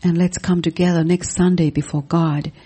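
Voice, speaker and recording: A man's voice: fairly high pitch, little pitch movement, mellow, husky. A man interpreting a sermon phrase by phrase, sometimes hesitating. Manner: repeats each phrase right after the preacher, with some hesitations.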